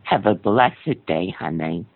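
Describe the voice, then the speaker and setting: A man playing a folksy, gravelly lady caller. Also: sits low, expressive, slow, narrow, tinny audio, full character voice. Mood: sweetly folksy. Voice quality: gravelly, drawling endearments. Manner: rambling with many hesitations. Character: chatty middle-aged woman caller, sweet and folksy. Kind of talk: prank phone call.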